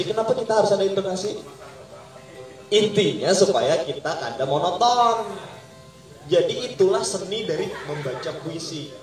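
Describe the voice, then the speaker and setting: A man leading an informal poetry reading workshop, quizzing the group in call-and-response. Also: high-pitched. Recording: echoey room, mic far off.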